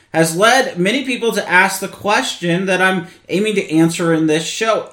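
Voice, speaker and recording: A man's voice: sits high, fairly bright tone. Earnest man explaining theology in an echoey room. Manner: earnest, explanatory, with frequent restarts. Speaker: podcast host. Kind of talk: theology teaching monologue.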